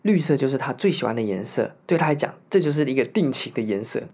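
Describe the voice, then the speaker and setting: A man with a Taiwanese Mandarin accent retelling a story in a casual, animated way, with jokey asides, rhetorical questions and acted-out quotes. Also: mid-range voice, fast talker, slightly rough. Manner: animated, acts out the lovesick hero's lines in quotes. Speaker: host retelling a song cycle story.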